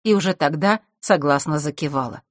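A woman's voice: sits low, brisk, dry recording, clean studio sound. Woman reading a children's book aloud. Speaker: audiobook narrator. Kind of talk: scripted narration.

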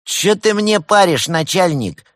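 A man's voice: high voice, lively intonation, measured pace, fairly bright tone, no echo, clean studio sound, pitched above the performer's own voice. A man voicing a timid male penguin faking a brash, cocky gangster with criminal slang. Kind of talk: audiobook character voice.

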